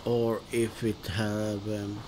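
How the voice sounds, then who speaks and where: A man from northern Sweden with a Swedish accent, commenting on his gameplay in a relaxed, hesitant, musing way with many pauses and restarts. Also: lowish voice, noisy background. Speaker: gaming video host. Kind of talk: relaxed let's-play commentary.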